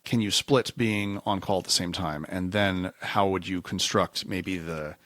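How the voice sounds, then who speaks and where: His voice sits low, moves a little slowly and carries a bit of brightness. He's a reliability engineer guesting on a technical podcast, chatting casually in a discursive, self-correcting way and now and then acting out quotes, in a clean studio recording without room sound.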